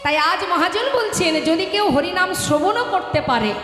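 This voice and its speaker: A woman preaching at a live devotional kirtan program over a loudspeaker system, fervent, asking her listeners rhetorical questions and addressing them as mother. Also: very high-pitched, animated, normal speed. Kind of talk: devotional sermon between kirtan songs. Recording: echoey live hall with music.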